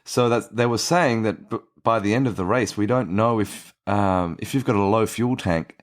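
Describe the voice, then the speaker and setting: A man co-hosting a casual podcast discussion who explains technical details, often pausing with fillers. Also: lowish voice. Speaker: podcast co-host.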